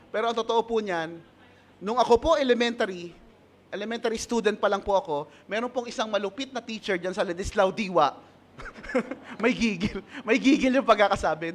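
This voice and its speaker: High-voiced Filipino pastor preaching. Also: male voice, fairly bright tone. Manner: mixes in English, asks the congregation, laughs at his own stories. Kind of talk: sermon.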